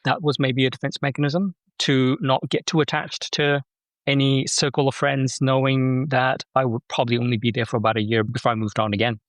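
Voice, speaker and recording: A man from Malaysia speaks at a mid pitch as a podcast guest. He is reflective and often restarts his sentences, and the recording is close and dry with no room sound. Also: little pitch movement, fairly quick, no room sound. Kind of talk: casual interview talk.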